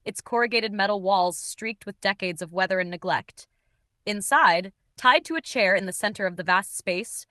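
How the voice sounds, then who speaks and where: A woman giving steady, dramatic scripted narration of an audiobook. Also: mid-range voice, dry recording. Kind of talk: scripted narration of a dark romance.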